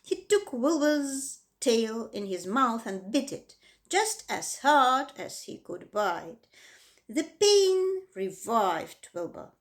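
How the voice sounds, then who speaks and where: A woman reading a children's book aloud with expressive, dramatic emphasis. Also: fairly high pitch, slow. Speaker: reader. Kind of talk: storybook read-aloud.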